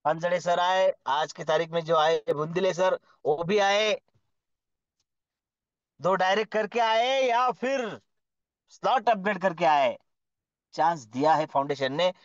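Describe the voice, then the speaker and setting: Speaking at a measured pace, a fairly high-voiced man addresses an online business community meeting with formal, gushing motivation, full of praise and rhetorical questions. The recording sounds dull and lo-fi, and completely dry with no room echo.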